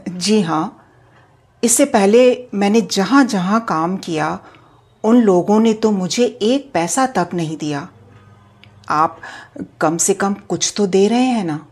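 A woman's voice: medium pitch, takes it slowly, breathy edge. Woman voicing a meek timid governess. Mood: humble. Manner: soft, meek, hesitant. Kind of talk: storytelling with acted dialogue.

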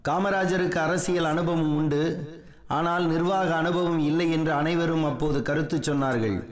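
A man with a slightly high voice narrates political history from a script. He serves as the reader of a written column. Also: echoey room.

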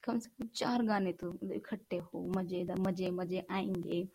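A woman's voice: fairly low pitch, fairly even intonation, a little slow, mellow, breathy edge. Chatty young woman, tired voice. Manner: chatty, rambling, teasing. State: voice tiring, strained. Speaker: podcast host. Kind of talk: casual chat to viewers. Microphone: studio mic.

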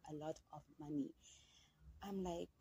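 A woman's voice: sits low, fairly even intonation, measured pace, mellow, husky, rough recording. A young woman from Zimbabwe hosting a podcast, telling a personal story in a candid, chatty way and speaking straight to her listeners. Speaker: podcast host. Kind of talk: casual storytelling.

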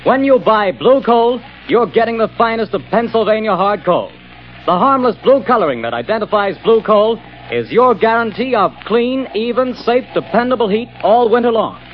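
A man's voice: high voice, expressive, normal speed. A man delivering a chipper old-time radio advertisement in a polished, emphatic, salesmanlike announcer style. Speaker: announcer and sponsor pitchman. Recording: dull vintage radio recording, faint music.

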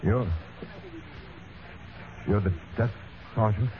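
A man acting a weary, dazed confessor in an old radio drama, with a halting delivery. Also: lowish voice, steady tone, a little hiss or hum. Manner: halting, stammering. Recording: thin, tinny old radio recording with music.

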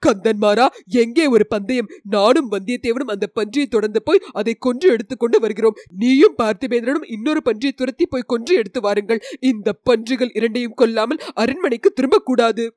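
A woman's voice: a little high, brisk, few pauses, a little mellow, dry recording, clean studio sound, close to an everyday voice. A woman doing a bold, headstrong young prince. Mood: challenging.

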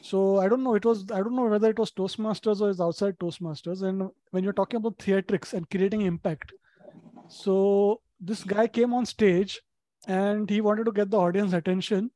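A man's voice: high-pitched, fairly even intonation, normal speed, dark tone, no room sound. A man chatting casually as a speaker on a panel. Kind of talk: casual chat.

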